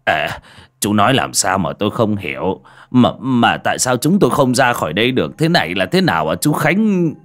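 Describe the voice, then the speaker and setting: A man's voice: on the low side, sing-song, moderate pace, a bit bright. A man voicing a frightened old village man who stammers and hesitates in an audio story.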